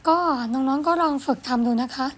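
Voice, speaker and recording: Woman, high voice, French teacher, slow careful phrase reading, gentle encouraging explanations. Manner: gentle, encouraging, ends phrases with polite particles. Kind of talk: explaining a French lesson in Thai.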